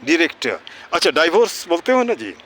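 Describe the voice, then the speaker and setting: Man with a lively, rising and falling voice, teaching children. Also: fairly high pitch, brisk, a little hiss or hum. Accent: Indian English. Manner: asks questions and answers them himself; tags phrases with "है ना". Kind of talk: outdoor English pronunciation lesson with children.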